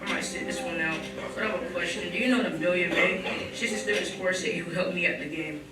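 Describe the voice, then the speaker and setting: Male actor as young college football star, high-pitched, echoey. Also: steady tone, fast, noisy background, lightly acted. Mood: unsure. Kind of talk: stage play dialogue. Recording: echoey hall, distant, music behind.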